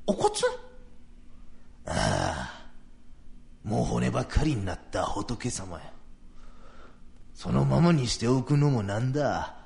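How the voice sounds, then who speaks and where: A man voicing a proud, solemn old retired samurai, telling a story slowly and gravely in traditional comic storytelling. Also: medium pitch, big pitch swings, a little mellow, full character voice. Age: older.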